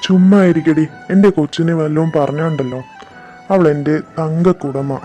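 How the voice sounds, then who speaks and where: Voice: medium pitch, moderate pace, warm tone, faint music behind, lightly acted. Doting, easygoing dad, as a voice actor plays him. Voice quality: affectionate, easygoing. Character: doting middle-aged father, indulgent. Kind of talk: amateur fan dub drama.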